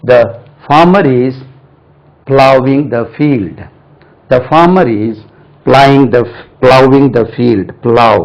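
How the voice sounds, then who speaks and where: A man's voice: medium pitch, gravelly, poor audio. A man teaching spoken English in Tamil, who spells words out letter by letter, repeats them and often checks with "right?". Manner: drills example sentences slowly, asks "right?" often.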